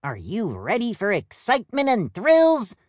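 A man's voice: high-pitched, huge pitch swings, unhurried, darkish tone, no echo, voice pushed up, full character voice. Plum bursts in as a peppy purple peacock, all bounce and chirpy slang, his voice swooping far above the reader's own, as a man puts him on. He swings wildly up and down, speaking in a dry, close storybook recording. Cheerful and a bit boastful, he never sits still. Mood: chipper.

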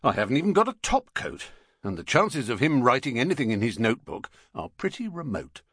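A man voicing a brisk, harried middle-aged husband in an audiobook. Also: medium pitch, very animated, fairly bright tone, husky, dry recording, studio quality, voice pushed up, full character voice. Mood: exasperated. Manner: brisk, exasperated.

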